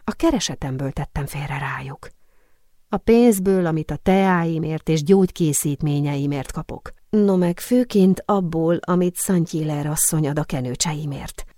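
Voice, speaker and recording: Earnest young perfumer woman, gentle and pleading, read by a woman; low, warm, dry. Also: no room sound, lightly acted.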